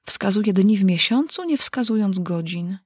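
A woman's voice: medium pitch, lively intonation, unhurried, breathy edge, no room sound. A woman voicing a curious, polite young girl who asks earnest, prim questions in a storybook reading.

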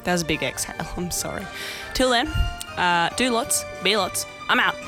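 A woman's voice: lowish voice, animated, moderate pace, over music. A young woman hosting a podcast, telling blunt, self-mocking stories in a casual comedic monologue. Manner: chatty, blunt, self-mocking, swears and laughs often. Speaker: podcast host.

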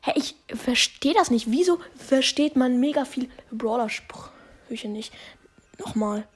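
A woman hosts a relaxed gaming video in a slightly high voice. She talks slowly and unhurriedly. She sounds self-conscious and laughs at her own attempts. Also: slightly rough. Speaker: gaming channel host. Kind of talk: casual gaming video chat.

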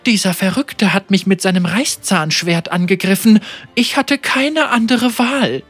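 High teasing pirate lady, cold and merciless, a guy doing her voice in an audiobook, faint music under it. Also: measured pace, a bit bright, husky, heavily acted. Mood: mock innocent. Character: cool, mocking female pirate bounty hunter.

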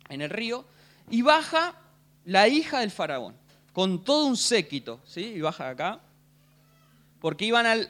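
Lively, high-voiced Argentine preacher. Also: male voice. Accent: Argentine Spanish. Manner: animated, jokey, keeps asking the crowd "¿sí?". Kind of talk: humorous sermon storytelling.

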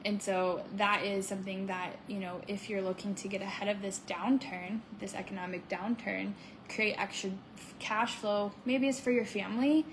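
A woman's voice: medium pitch, fairly even intonation, moderate pace. Upbeat woman in noisy chat. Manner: upbeat, salesy, fillers like "like" and "right?". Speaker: podcast co-host. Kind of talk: casual chat.

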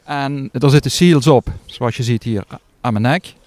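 A man's voice: mid-range voice, normal speed, a little mellow. A man, a diver, answering questions outdoors by a lake in a modest, hesitant way.

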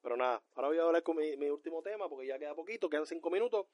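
A man co-hosting a podcast in casual pop-culture chat, ranting loudly with lots of profanity. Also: fairly high pitch, rapid-fire, no echo, dull audio. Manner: loud, profane, animated ranting. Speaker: podcast co-host.

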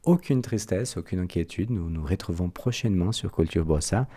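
Podcast host, a man with a Brazilian accent, deep voice, warm flowery phrasing. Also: normal speed. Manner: flowery, effusive compliments. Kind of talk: podcast interview.

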